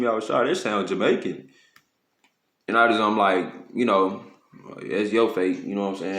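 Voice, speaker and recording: A man talks scripture straight into his camera in loose street slang, swearing freely and checking in with his listeners again and again. His voice sits low. The room around him rings with echo. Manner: slangy, profane, repeats "you know what I'm saying"; slows to read scripture aloud. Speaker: street preacher. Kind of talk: informal scripture teaching to camera. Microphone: phone or camera.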